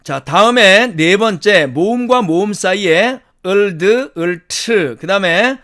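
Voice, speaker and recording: A man from Korea teaching English pronunciation in a recorded lecture, explaining each rule step by step and slowing down to model the English words. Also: high-pitched, animated, pushed and bright. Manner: explains step by step, asks "do you follow?".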